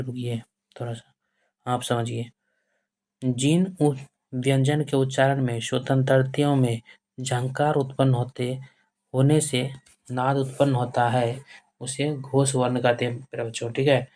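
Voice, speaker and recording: Man, tutor type, even, flat delivery, drills definitions by repeating them. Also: medium pitch. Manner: repetitive, keeps addressing students fondly and checking with "okay"; asks questions and answers them himself. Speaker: teacher. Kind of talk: board-exam grammar lesson.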